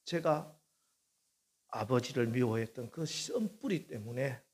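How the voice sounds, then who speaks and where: A man's voice: mid-range voice, animated, unhurried, darkish tone, husky. A middle-aged male pastor preaching a sermon, telling a story and acting out the prayers and dialogue in it, his voice rising with feeling. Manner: acts out quoted prayers and dialogue, voice rising with emotion.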